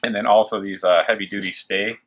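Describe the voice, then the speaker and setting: With a fairly low, steady voice that's slightly bright, a man talks a little fast while casually showcasing gear for a review video. Working machines and clicking sounds carry on around him in the factory.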